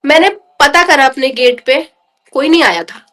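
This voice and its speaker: Brief: woman guest, high voice, earnest and emotional storyteller. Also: unhurried, a bit bright. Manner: earnest, emotional storytelling, often addressing the host as brother. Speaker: podcast guest. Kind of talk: recounting a personal devotional experience.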